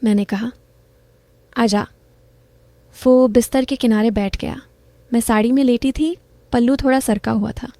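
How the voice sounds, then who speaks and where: A woman's voice: fairly high pitch, fairly even intonation, moderate pace, dark tone, no room sound. A middle-aged woman narrating a first-person story in a confiding, intimate manner.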